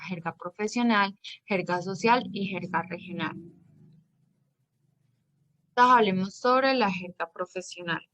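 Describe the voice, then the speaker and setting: A woman's voice: medium pitch, a bit bright, no room sound. Woman teacher giving a dry lecture. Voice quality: measured explanatory delivery with small restarts. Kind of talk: classroom lecture.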